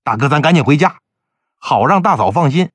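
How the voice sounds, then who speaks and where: An earnest younger brother with a quick temper, voiced by a male storyteller. His voice swings widely in pitch and sounds dry and close. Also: expressive, breathy edge, dry recording. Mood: indignant. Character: loyal younger brother, indignant and warm.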